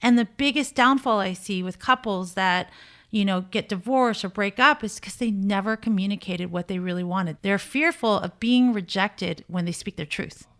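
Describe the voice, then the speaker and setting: Speaking at a moderate pace in a mid-range, fairly bright voice, a woman dating coach and host delivers relationship commentary. She's conversational yet emphatic, opinionated and blunt.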